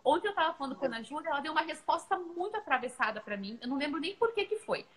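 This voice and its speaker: A woman's voice: high-pitched, racing, low-quality recording. A woman in her thirties, a mother, chatting earnestly about parenting and telling stories from home. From Brazil. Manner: earnest, animated storytelling. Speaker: mother and co-host. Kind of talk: casual parenting chat.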